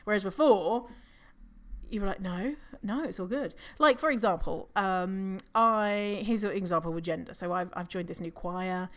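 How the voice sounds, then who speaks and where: Speaking at a normal speed, this non-binary podcaster has a voice that falls low within a woman's range. Their solo monologue is casual and meandering, with fillers, corrections of themselves and offhand swearing.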